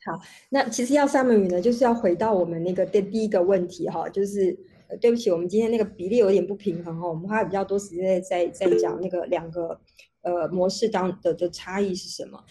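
A woman's voice: fairly low pitch, fast talker, mellow, slight background noise. A woman, a researcher speaking as a guest in an online panel talk over a video call, explaining at length with many restarts. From Taiwan.

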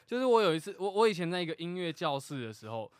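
A young man with a Taiwanese accent co-hosting a casual comedic podcast, telling stories excitedly and swearing freely. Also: sits high, quick pace, dry recording, studio quality. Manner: animated storytelling, swearing, excitable. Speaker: podcast co-host.

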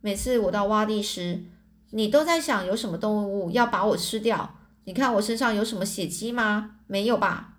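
A woman reading aloud puts on an eager, stubborn young farm boy, talking fast and a little high as he brushes off questions. His words come in quick, defensive bursts, pitched up like a child caught out, in a storybook reading. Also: close to an everyday voice. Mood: protesting. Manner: quick, pleading, protesting.

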